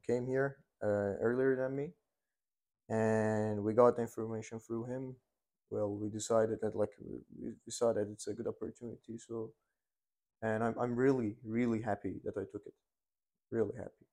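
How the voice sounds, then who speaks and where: Fairly low and mellow, this young man's voice keeps an even intonation at a moderate pace. He's an Iranian dental student in his 20s, a native Persian speaker, and he responds to interview questions haltingly, with many fillers and restarts.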